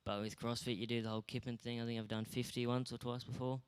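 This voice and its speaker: A man's voice: medium pitch, flat delivery, quick pace, clean tone. A young Australian man being interviewed on stage at a school awards night, talking in a modest, laid-back, rambling way. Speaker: guest athlete.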